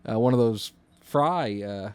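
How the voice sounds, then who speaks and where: A man with a smooth, medium-pitched voice co-hosts a casual podcast conversation as a dispatcher. He's informal and halting, thinking aloud as he goes.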